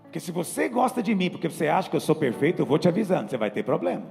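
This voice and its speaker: Brazilian male pastor, lively swinging delivery, echoing church hall recording. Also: a little high, vocal fry, faint music behind. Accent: Brazilian Portuguese. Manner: animated preaching, acting out worried believers in quick asides. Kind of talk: sermon.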